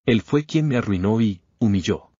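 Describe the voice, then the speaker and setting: A man's voice: lowish voice, lively intonation, normal speed, dark tone, breathy edge, dry recording. A man voicing an arrogant young bully who sneers and demands revenge. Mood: sneering. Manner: sneering and vengeful. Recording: slightly dull lo-fi recording.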